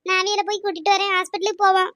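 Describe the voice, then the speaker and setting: A woman plays a caring young neighbour in a cartoon who coaxes and reassures an old couple, speaking. Her voice is very high and fast, recorded close and dry. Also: level tone, a bit bright, no echo. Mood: reassuring. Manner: coaxing and reassuring.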